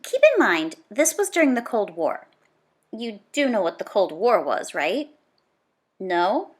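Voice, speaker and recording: Reading a children's book like a teacher, this woman sounds animated and conversational, stressing repeated words emphatically. She speaks at a medium pitch and a measured pace.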